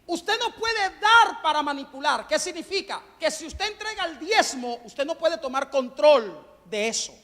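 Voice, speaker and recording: Male pastor, sermon, high voice, fervent and questioning, hall reverb. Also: lively intonation, unhurried, few pauses, sharp tone. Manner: fervent, questions the congregation and calls for amens. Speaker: pastor preaching to a congregation. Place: church hall at a Sunday service. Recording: long church-hall reverb.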